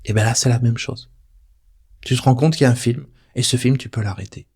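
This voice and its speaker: A man's voice: mid-range voice, steady tone, fairly quick, darkish tone, breathy edge. A man giving a casual spoken lesson, talking straight to the listener in an informal, playful way. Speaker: personal development teacher. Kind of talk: casual spoken teaching video.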